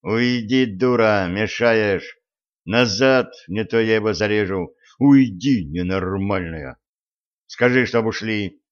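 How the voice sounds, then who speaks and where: A man voicing a gruff, commanding male warrior-sorcerer who barks orders. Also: on the low side, slow, muffled recording. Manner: barking orders.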